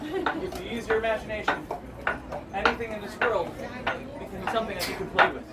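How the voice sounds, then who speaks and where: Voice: mid-range voice, animated, a little fast. A street performer doing self-deprecating, showman-like comedy patter for a live audience at a Renaissance fair. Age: 30s or older. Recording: distant mic, loud crowd and noise.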